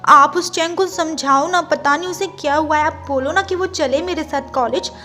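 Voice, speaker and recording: A woman's voice: high voice, normal speed, sharp tone, soft background music. A woman doing a cheeky, petulant young man. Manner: teasing, petulant.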